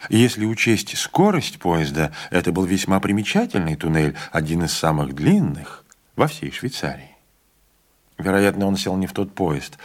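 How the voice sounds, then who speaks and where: A deep-voiced man narrates a literary audiobook with an expressive reading. He gives each character's lines a distinct voice.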